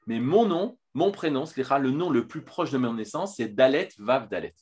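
Guy giving a torah lesson on camera, lively, lots of euh and restarts. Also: medium pitch, normal speed. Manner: lively, with many restarts and filler sounds. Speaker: Torah teacher.

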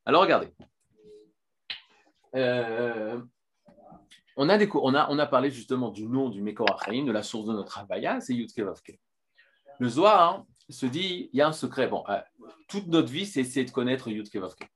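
A man teaching a filmed Torah lesson, lively, with many restarts and fillers. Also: medium pitch, normal speed, long pauses.

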